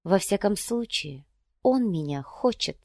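A woman's voice: mid-range voice, lively intonation, unhurried, a little mellow, no room sound, studio quality. A woman reading the part of a spoiled, cutting young wife, mocking and capricious.

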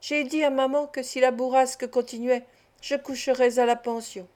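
Woman reader doing a warm, playful young Parisienne; affectionate, teasing, audiobook. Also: sits high, steady tone, normal speed, close to an everyday voice. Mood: tender.

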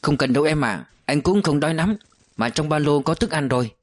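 A man voicing a soldier husband home from war who speaks softly and quietly. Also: fairly high pitch, expressive, brisk. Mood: plain. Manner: soft, quiet.

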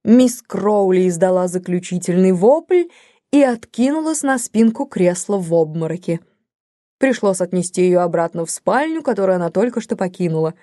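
Female narrator, mellow and measured, dry close recording. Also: lowish voice, expressive, no room sound. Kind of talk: audiobook narration of a classic novel.

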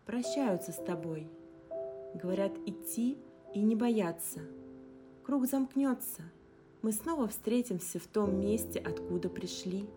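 A woman voicing a calm, tender young woman who gently reassures her friend. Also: mid-range voice, a little slow, pitched above the performer's own voice, close to an everyday voice. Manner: gentle, reassuring, soft sighs. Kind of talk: audiobook character reading. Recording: guitar music underneath. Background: guitar music.

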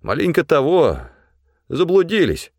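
A man voicing a stubborn, rough-spoken male guide who barks orders over a storm. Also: on the high side, sing-song, unhurried, dry recording, clean studio sound, voice pushed up, heavily acted. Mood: brash. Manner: coarse, bossy, shouting over wind.

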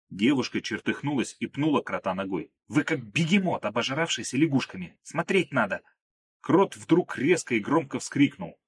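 A man reads a first-person audiobook in a calm, measured way. His voice sits low and sounds husky. The telling stays even and unhurried. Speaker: audiobook narrator.

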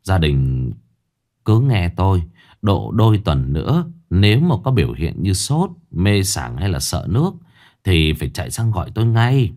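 Man doing an older village healer, low, soft, measured, careful, spoken ghost story. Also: sing-song. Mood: cautious.

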